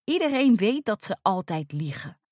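A woman voicing a calm schoolgirl friend who speaks slowly and soothingly in a storybook reading. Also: mid-range voice, no echo, studio quality, voice pushed up.

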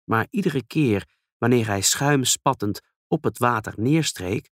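A man reading a children's story aloud in a calm, gentle storytelling manner. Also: mid-range voice, a little slow, no room sound, clean studio sound.

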